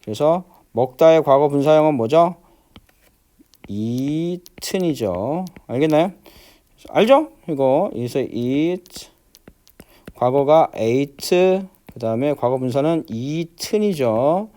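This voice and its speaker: A man teaching an English grammar lesson, walking through exercises step by step and constantly asking whether students follow, stretching out the English words slowly. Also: a little high, animated, dark tone, clean tone. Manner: repeats check-in questions, many fillers; slows down to spell out English words.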